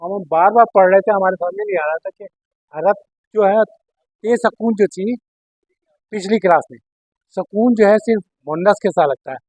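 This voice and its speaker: A man teaches Arabic grammar, walking through each word patiently and often pausing to check that his students understand. His voice sits fairly high and has a husky edge. The sound is dry and close, with no room echo. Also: darkish tone. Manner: explains step by step, checks understanding with "theek hai na". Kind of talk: classroom lesson explaining Arabic in Urdu.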